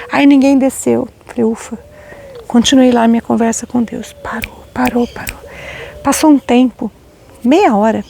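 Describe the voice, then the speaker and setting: Gravelly, husky-voiced woman telling a story. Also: a little high, dark tone. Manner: emotional, earnest, addresses listeners directly. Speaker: spiritual teacher. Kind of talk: personal storytelling to an audience.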